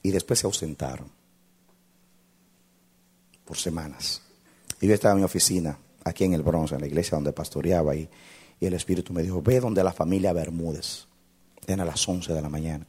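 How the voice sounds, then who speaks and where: A male pastor telling a story in a sermon, dramatic, swinging from shouts to hushed tones. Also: rumbling low, steady tone, brisk, long pauses, husky.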